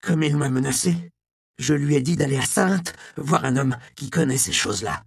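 A man doing a frightened old monk, pitched high. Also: animated, moderate pace, gravelly. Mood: anxious. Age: older. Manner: anxious, pleading.

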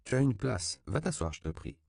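A man's voice: on the low side, sing-song, fairly quick, creaky, darkish tone, no echo, clean studio sound, voice pushed up, full character voice. A man voicing a blunt, outspoken woman doctor in an audiobook, firm and teasing.

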